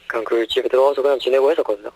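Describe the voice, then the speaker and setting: A nineteen-year-old man answering in a news interview, his voice disguised with a deep pitch shift, speaking haltingly. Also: steady tone, a little mellow, dry recording, poor audio. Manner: halting, hesitant, short answers. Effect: voice disguised, pitch shifted deeper.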